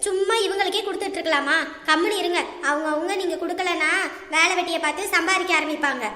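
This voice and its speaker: A shrill, very high-voiced young wife, acted by a woman who talks fast and bosses her husband around. She wheedles and nags in a comic family-skit style. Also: fairly even intonation, sharp tone, reverberant, big-room sound. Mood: bossy. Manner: bossy, wheedling. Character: young wife, demanding and money-minded.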